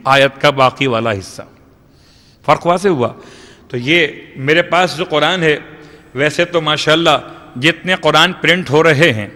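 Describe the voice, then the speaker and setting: Male cleric lecturing, bright and higher-pitched voice, long hall echo. Explanatory and rhetorical, with recited verses. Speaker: Shia cleric giving a majlis lecture. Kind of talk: religious lecture to a congregation.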